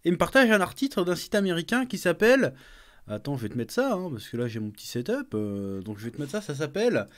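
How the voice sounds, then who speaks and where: A French man talks through a casual reaction video from his desk at home, recorded on a webcam with a desk microphone. His voice sits a little high, and his delivery is animated and jokey, with crude asides. He fills his sentences with hesitations and restarts as he goes. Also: fast talker. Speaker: YouTube manga commentator.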